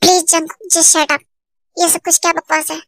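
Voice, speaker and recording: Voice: extremely high pitch, level tone, normal speed, bright, forceful tone, no echo, faint music behind, full character voice. A young voice playing a cold, curt young woman. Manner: curt and dismissive. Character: cold, defiant young woman rejecting a lover. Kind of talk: Hindi fan dub drama.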